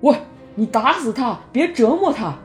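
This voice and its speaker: A woman voicing a coarse middle-aged male dog butcher in an audiobook reading, with a blunt, gruff delivery. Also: low voice, normal speed, a little mellow, soft background music, close to an everyday voice. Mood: angry.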